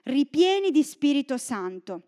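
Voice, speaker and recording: A woman's voice: sits high, measured pace. A woman from northern Italy preaching a sermon in a church, reading scripture and joking with the congregation. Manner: lively, joking asides to the congregation.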